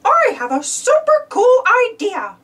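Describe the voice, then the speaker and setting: Woman doing a very high, cheerful cartoon mouse, Mickey Mouse. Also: huge pitch swings, measured pace, fairly bright tone, recorded from a distance, heavily acted. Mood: cheerful, eager. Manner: exclamatory, upbeat, addresses children directly. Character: cheerful eager cartoon mouse leader, male, small. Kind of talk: children's storybook character voice.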